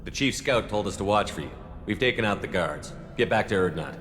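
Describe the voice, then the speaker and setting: Tough military commander, video game hero, low voice, blunt, commanding, long reverb, faint music. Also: male voice, expressive, fairly quick, a bit bright. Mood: firm. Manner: direct, commanding.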